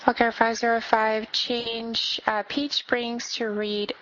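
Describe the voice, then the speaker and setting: A woman working as an air traffic controller, reading clearances over the radio in brisk, clipped phraseology. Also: fairly high pitch, flat delivery, fairly bright tone. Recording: dull band-limited radio audio.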